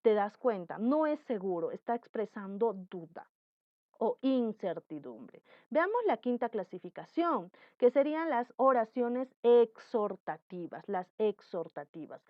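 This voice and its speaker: A woman's voice: medium pitch, no room sound, lo-fi sound. A woman teaching a grammar lesson, explaining patiently and acting out example sentences. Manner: explains slowly, acts out example sentences with lively intonation.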